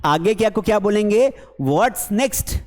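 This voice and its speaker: A man with a fairly high voice teaches spoken English. He explains each phrase with everyday examples and repeats it for his learners. His voice carries a long hall reverb. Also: animated, slow pace. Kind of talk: bilingual spoken English lesson.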